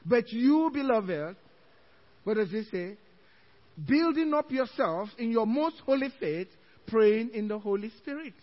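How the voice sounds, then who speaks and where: In a church sanctuary, a male pastor with a Nigerian accent and a strikingly high voice delivers an evening sermon, quoting scripture with emphasis and slipping in chuckling asides. He is expressive and unhurried, and the recording sounds dull and lo-fi.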